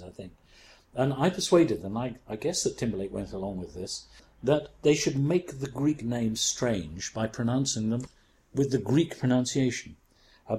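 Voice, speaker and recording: A man's voice: medium pitch, a little mellow, low-quality recording. A man and former classical advisor telling an anecdote in a self-deprecating, confiding way. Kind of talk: anecdotal discussion. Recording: faint background noise.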